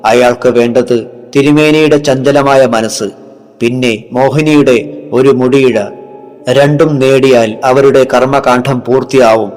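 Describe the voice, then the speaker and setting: A man's voice: medium pitch, steady tone, unhurried, natural voice. Man voicing a vengeful yakshi woman. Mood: urgent. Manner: urgent, commanding hushed speech. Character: vengeful seductive female yakshi spirit.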